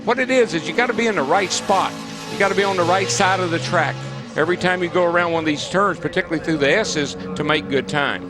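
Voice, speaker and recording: A man's voice: high-pitched, fast. A man giving casual, folksy, explanatory race commentary as an analyst. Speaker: racing analyst. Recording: loud music and car noise behind.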